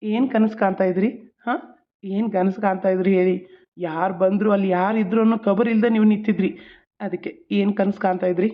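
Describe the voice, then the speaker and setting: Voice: mid-range voice, steady tone, brisk, natural voice. A voice actor playing a cheerful young man in love who teases his fiancée. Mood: teasing. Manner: teasing, playful. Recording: tinny, phone-like audio.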